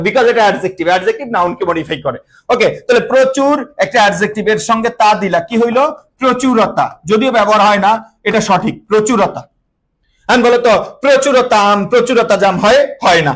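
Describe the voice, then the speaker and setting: A man's voice: sits high, a little fast, fairly bright tone, low-quality recording. A young male teacher, giving an online class. He keeps asking his students questions and answering them himself, and he mixes English words into his speech.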